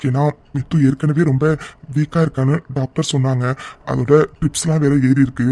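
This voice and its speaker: A man's voice: mid-range voice, mellow, close to an everyday voice. A man voicing a worried middle-aged father in a cartoon, asking anxiously and speaking politely. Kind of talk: cartoon voice acting.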